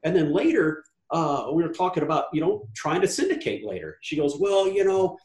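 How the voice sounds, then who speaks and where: Man, lively pitch, blunt casual talk, swears, echoey room. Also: a little fast. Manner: animated storytelling, swears freely. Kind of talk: casual podcast conversation.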